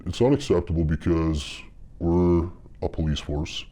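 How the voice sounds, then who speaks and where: This is an anonymous male police officer and training instructor speaking in an interview, his voice disguised and pitched very deep. He comes across as halting and earnest, using fillers, yet sounds expressive and mellow.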